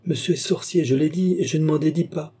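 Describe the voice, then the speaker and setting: A man's voice: fairly high pitch, fast, warm tone, breathy edge, pitched above the performer's own voice. A man voicing a proud, haughty cardinal in a classic novel audiobook, speaking assertively.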